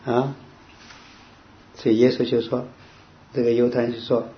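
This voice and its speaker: A man leading an informal Bible study, quizzing his listeners and quoting verses in a slow, drawn-out way. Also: mid-range voice, little pitch movement. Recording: dull lo-fi with faint hiss.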